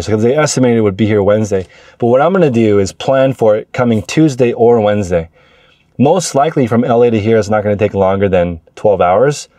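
An American man in his forties, a reseller vlogger, sits in a parked car explaining things to the camera in a casual, anecdotal monologue. His lowish, dark-toned voice comes through a lapel mic clipped to his shirt, sounding clean and studio-like with no room sound.

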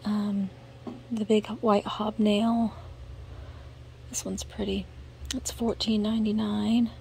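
An American woman vlogs while shopping in a cluttered antique mall, showing her finds in casual, murmured commentary. Her hushed, gentle, mid-range voice often drops to a near-whisper, moves slowly with little pitch change. A sensitive handheld camera's built-in mic clearly catches ambient store noise.

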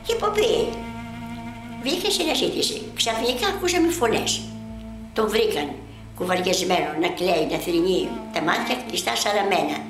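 An older woman tells her eyewitness story, her voice rising and falling over a very wide range. She sounds like she is in an echoey room, with faint music behind her. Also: mid-range voice. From Lesvos, Greece. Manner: vivid, animated storytelling with dramatic pauses. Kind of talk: storytelling testimony.

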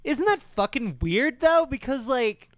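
A man co-hosting a podcast, talking about a film in a rambling, animated, profane way. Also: very high voice, measured pace, no room sound. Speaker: podcast co-host. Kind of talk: casual film discussion.

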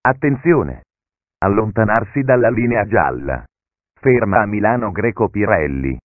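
This is a man's automated train station announcement, delivered in calm, segmented phrases that sound pieced together, with sudden pitch jumps between chunks. The voice sits fairly low. It comes through a narrow, phone-like public address channel with no room sound around it. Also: measured pace, no echo. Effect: announcement heard as a recorded station PA message. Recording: narrow, phone-like, dry PA audio.

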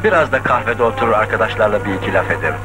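A man's voice: on the low side, lively intonation, racing, close to an everyday voice, rough recording. An actor playing a struggling middle-aged working father in a 1970s film drama, earnest and plaintive. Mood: resigned. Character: struggling, sick working father, tender toward his daughter. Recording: old film soundtrack with music.

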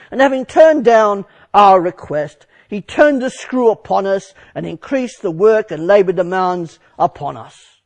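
Aged Moses, gravelly and earnest in tone, recounts his story in a first-person sermon monologue, as a man puts him on. The voice sits fairly high and moves a lot, rising and falling as he goes. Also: a little mellow, exaggerated voice. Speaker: preacher.

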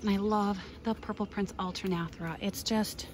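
A Minnesota gardening vlogger gives an eager, chatty tour of her outdoor garden, pointing things out along the way. Her middle-pitched voice has fairly even intonation and a normal pace, captured on a handheld phone. Faint birdsong, outdoor air, and slight background noise sit softly behind her.

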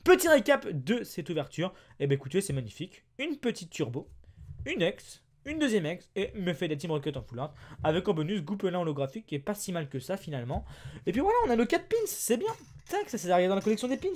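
A man with a French accent narrates his card openings in a casual unboxing chat, his high, quick, sing-song voice swooping up and down. He talks easily with viewers and bursts into excited exclamations at good pulls.

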